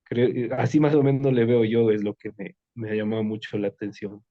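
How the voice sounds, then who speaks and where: A man's voice: on the low side, little pitch movement, a little fast, lo-fi sound. A man in a reading group sharing his thoughts in a reflective, hesitant way. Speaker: reading club member. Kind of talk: casual book club discussion over a call.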